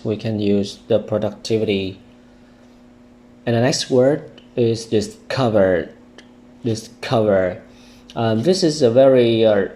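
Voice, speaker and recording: A man with a Vietnamese accent teaching English vocabulary, slowly repeating words to drill their stress. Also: fairly low pitch, mellow. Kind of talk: vocabulary lesson with pronunciation drills.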